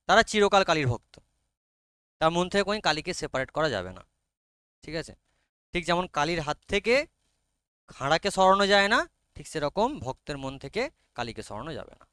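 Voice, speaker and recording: A man's voice: a little high, a bit bright, clear, resonant tone, no room sound. A man with a Bengali accent teaching a literature class, explaining each line and checking often whether his students follow. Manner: reads English lines very slowly.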